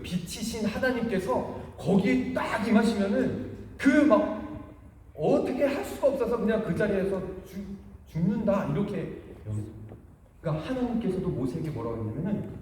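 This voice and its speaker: A man's voice: high-pitched, darkish tone, slight background noise. A male pastor preaching a sermon, telling the story with animation and acting out the quoted speech. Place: church sanctuary. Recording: echoey hall, voice from far off.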